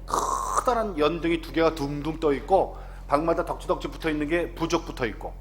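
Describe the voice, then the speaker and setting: A man in his fifties, an announcer, giving a lively testimony to a congregation and often asking the audience questions. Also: a little high, a little fast, faint music behind.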